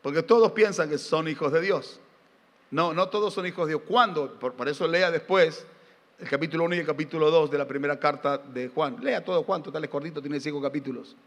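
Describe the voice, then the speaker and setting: High, bright-voiced Argentine preacher. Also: male voice, fairly quick. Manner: emphatic, fires rhetorical questions at the congregation; folksy, tells humorous family anecdotes. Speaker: pastor. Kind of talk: sermon. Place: church sanctuary during a live service. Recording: reverberant church hall.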